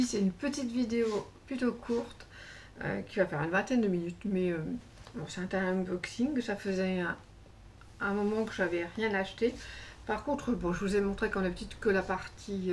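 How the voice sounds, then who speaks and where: A woman craft vlogger talks casually through her shopping haul at a mid pitch. She rambles, corrects herself and fills pauses as she goes. A faint hiss of background noise sits under her voice. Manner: chatty and rambling, many fillers and self-corrections. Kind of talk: casual haul chat to camera.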